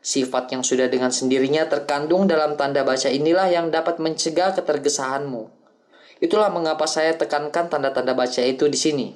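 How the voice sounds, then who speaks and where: A man's voice: a little high, a little fast, natural voice. Pak Torsov, a man reading a patient acting teacher. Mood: instructive. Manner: calm, explanatory lecturing. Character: older male acting teacher, patient and instructive. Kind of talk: audiobook reading.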